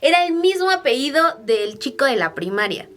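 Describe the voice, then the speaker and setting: A woman's voice: high voice, big pitch swings, normal speed, fairly bright tone, slight background noise. Chatty young woman vlogger. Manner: chatty, with frequent fillers and asides to viewers. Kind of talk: personal storytelling to camera.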